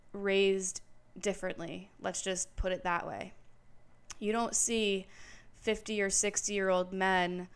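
A woman in her late twenties hosting a podcast, telling a story in casual chat, candid and profane, growing louder and more heated as she recounts it. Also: mid-range voice, clear, resonant tone. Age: late 20s. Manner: candid and profane, retelling with emphatic repetition. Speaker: podcast host. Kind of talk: casual solo storytelling monologue.

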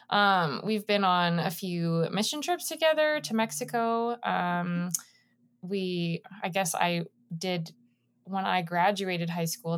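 A woman in her thirties co-hosting a podcast, chatting casually and informally in a rambling way as she introduces a guest. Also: fairly low pitch. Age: 30s. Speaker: podcast co-host.

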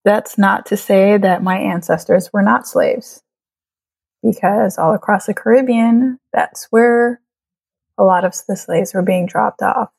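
A woman in her late twenties from Trinidad, a guest in a casual conversation, chatty and quick to laugh. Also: medium pitch, steady tone, gravelly, a little mellow, husky, no echo. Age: late 20s. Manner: laughs often, chatty with fillers. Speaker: guest photographer.

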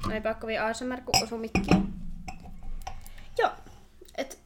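A young woman co-hosting a podcast, chatting loudly and giggling, swearing freely as the drinks flow. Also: on the high side, flat delivery, noisy background. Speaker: podcast co-host. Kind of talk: casual tipsy chat.

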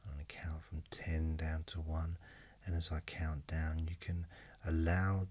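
A man leading guided hypnosis in a mesmerizing, hushed, breathy voice that often sinks toward a whisper, with long pauses. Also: monotone. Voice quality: very deep, breathy, husky, often near whisper. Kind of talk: slow guided hypnosis narration.

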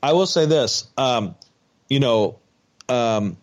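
A man's voice: mid-range voice, animated, slow pace. A man co-hosting a podcast, animatedly recapping a TV episode in casual chat, with frequent ums and restarts. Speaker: podcast co-host.

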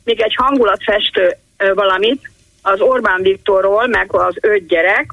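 A woman's voice: medium pitch, a bit bright, no echo, muffled recording. An older woman, a retired teacher, calling in to a radio show and telling long, digressive stories with many restarts. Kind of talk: call-in radio chat.

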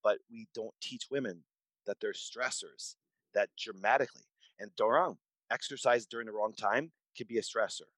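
A man in his forties tells stories from his medical practice in an interview. His voice sits fairly low and sounds dry and close, with no room around it. He talks emphatically, repeating words and restarting sentences as he goes. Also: moderate pace, fairly bright tone, dry recording, low-quality recording. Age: 40s. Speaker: podcast guest, doctor. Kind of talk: conversational interview storytelling.

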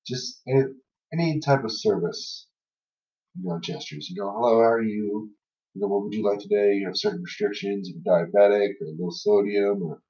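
A young podcast co-host spins loose, filler-packed anecdotes in a casual chat, laughing through the funny bits. His low, darkish voice is recorded from a distance, set back from the mic in a roomy space with a dull, lo-fi sound.

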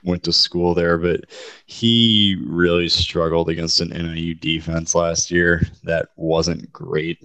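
Very deep man, blunt and dry. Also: little pitch movement, slow pace, pushed and bright, dry recording. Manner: blunt, opinionated. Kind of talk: casual sports chat.

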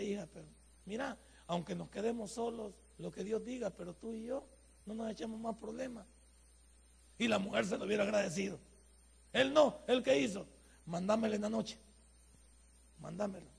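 Male pastor, high raspy voice, folksy preacher who acts out little dialogues. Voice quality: gravelly, raspy. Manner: folksy preaching with acted-out quotes and rhetorical questions. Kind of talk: sermon.

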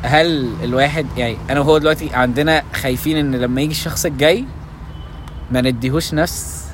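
A man's voice: a little high, steady tone, quick pace, a little hiss or hum. A man with an Egyptian Arabic accent hosting a casual podcast chat, asking probing questions and mixing in English phrases. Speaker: podcast host.

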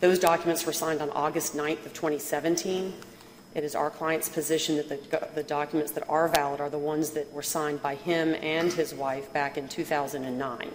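A woman lawyer making a formal, measured and precise oral argument to judges, with a deferential manner. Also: deep voice, flat delivery. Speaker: appellate lawyer. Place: courtroom. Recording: very echoey hall, faint noise.

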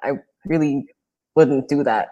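A woman's voice: a bass voice, a little slow, mellow, lo-fi sound. A Bahamian woman in her late twenties, a guest on a podcast, talking in a friendly, thoughtful way with easy laughter. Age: 20s. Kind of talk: casual podcast interview.

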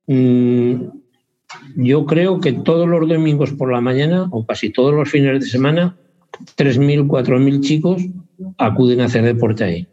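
A man's voice: medium pitch, unhurried, warm tone. A man chatting in an interview, rambling and hesitant, often correcting himself. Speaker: interviewee, basketball parent. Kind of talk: casual interview chat. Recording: dull lo-fi sound.

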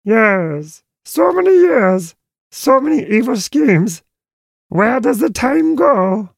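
A woman playing a secretive, genteel villainous doctor in a comic audio drama, measured, formal and theatrical. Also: fairly high pitch, very animated, creaky, slightly rough, no room sound, studio quality, exaggerated voice. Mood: wistfully sinister.

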